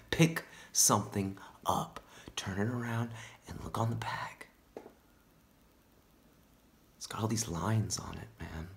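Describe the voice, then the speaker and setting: A paranoid young stoner rambles on about conspiracies, played by a male actor in a self-tape monologue. He keeps tossing in "dude" and "man". His voice lurches from loud, high bursts down to hushed whispers. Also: full character voice. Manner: drops into hushed whispered asides; wildly swinging pitch and loudness.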